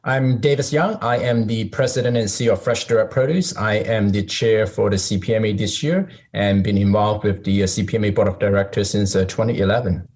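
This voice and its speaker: A man's voice: lowish voice, darkish tone. A man, speaking sincerely and measuredly as a podcast guest. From Hong Kong. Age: 40s. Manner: sincere, measured, with some repeated words. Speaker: interview guest, company president. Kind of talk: conversational podcast interview.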